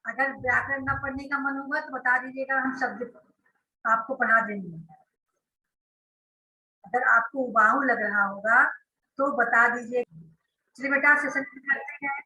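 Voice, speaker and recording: A woman's voice: high voice, steady tone, unhurried, long pauses, sharp tone, echoey room, poor audio. A woman schoolteacher giving an online grammar class, explaining step by step and often checking that her students follow. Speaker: school teacher.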